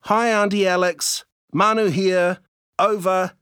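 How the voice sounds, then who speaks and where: A man voicing an excitable young boy playing secret agent, talking eagerly. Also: sits high, slow pace, clear, resonant tone, dry recording, studio quality, pitched above the performer's own voice.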